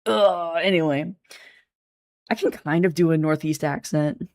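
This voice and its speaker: Low voiced woman streaming a game, playful, rambly, laughs a lot. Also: measured pace, a little mellow. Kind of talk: casual game stream chat.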